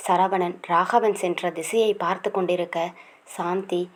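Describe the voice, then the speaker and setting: A woman narrating a romance novel aloud in a calm, steady reading voice. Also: medium pitch, unhurried.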